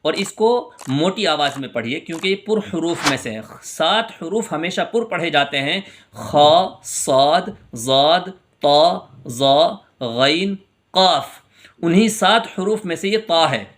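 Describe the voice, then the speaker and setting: A man from India teaching Quran reading, explaining each letter quickly and then reciting the verses slowly in a chanting voice. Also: fairly high pitch, expressive, a bit bright. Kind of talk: recitation lesson.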